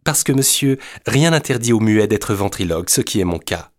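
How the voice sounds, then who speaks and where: A man reading aloud, voicing a young deaf-mute woman who explains herself in a crisp, slightly haughty way. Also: lowish voice, animated, moderate pace, natural voice. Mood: dry, composed. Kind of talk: storybook reading.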